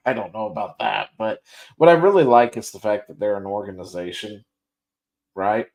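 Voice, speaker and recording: A man's voice: on the low side, moderate pace, vocal fry, darkish tone. A tired man hosting a casual gaming news livestream, joking, laughing often and restarting his sentences. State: tired, yawning. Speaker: podcast host.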